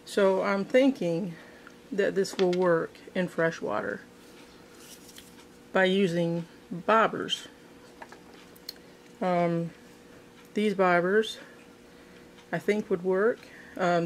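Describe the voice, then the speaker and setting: A woman's voice: on the low side, slight background noise. A woman hosting a casual how-to video, demonstrating a craft at a table indoors and thinking aloud with frequent ums and restarts. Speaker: fishing craft video host.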